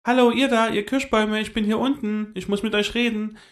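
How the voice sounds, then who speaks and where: A man voicing a small, brave young female squirrel who speaks high and tearful. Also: monotone, normal speed, warm tone. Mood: shouting.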